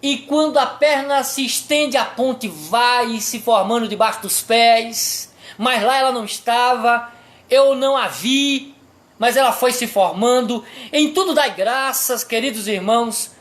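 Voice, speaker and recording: Brazilian pastor, unhurried sermon delivery, emphatic, fond of rhetorical questions. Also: medium pitch, a bit bright.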